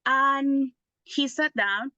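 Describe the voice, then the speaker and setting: A woman's voice: high voice, extremely slow, pushed and bright, no room sound, muffled recording. A woman, a lawyer telling her story in a casual interview, chatty with many restarts and tag questions. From Mexico. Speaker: guest lawyer.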